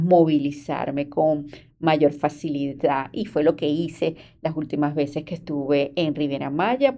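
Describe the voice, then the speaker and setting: A woman host with a low, mellow voice and a Latin American Spanish accent. She explains things informally and conversationally, speaking straight to her audience. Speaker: host of a program about vacation properties.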